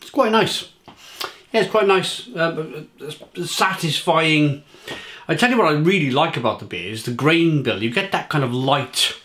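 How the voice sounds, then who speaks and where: A man's voice: fairly high pitch, lively intonation, normal speed, fairly bright tone. Rambling British man reviewing beer. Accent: British English. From England. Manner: rambling, restarts often, enthusiastic about flavours. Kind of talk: casual beer review to camera.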